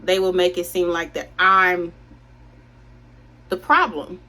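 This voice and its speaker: A woman's voice: on the low side, slow pace, sharp tone. A young woman chatting casually to viewers while doing her makeup, rambling and confiding. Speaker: beauty vlogger.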